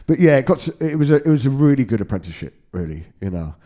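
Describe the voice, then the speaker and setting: A man's voice: medium pitch, very animated, very fast, mellow. A man in his forties, a guitar tech telling road stories in casual chat, swearing freely and laughing often. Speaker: podcast guest, guitar tech.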